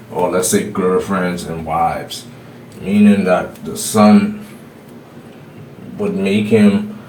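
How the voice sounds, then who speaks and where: An astrology YouTuber with a Bahamian accent delivers a solo opinion monologue to camera, opinionated and explanatory, with a few restarts. His voice is low-pitched and darkish, and the poor audio carries a little hiss or hum.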